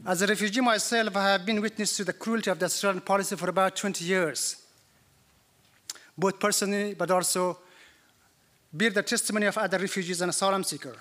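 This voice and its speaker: A man's voice: high voice, fairly even intonation, fast, fairly bright tone. A man from Afghanistan speaking as a panel chair and journalist, giving earnest, formal opening remarks at a conference.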